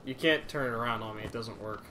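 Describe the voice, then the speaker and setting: A man's voice: mid-range voice, quick pace, noisy background. A young man hosting a horror game playthrough, casually commenting, reading notes aloud and getting snarky and exasperated. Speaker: host playing a horror game.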